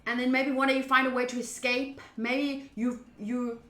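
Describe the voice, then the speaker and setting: A game streamer reads a visual novel aloud and casually comments along the way, her bright, expressive voice sitting high. She shifts between measured narration and loud reactions, with a clear room echo.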